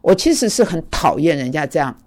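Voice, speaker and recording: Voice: mid-range voice, very animated, fairly quick, a little mellow. A preacher giving a conversational sermon, telling a personal story with many fillers and English words mixed in.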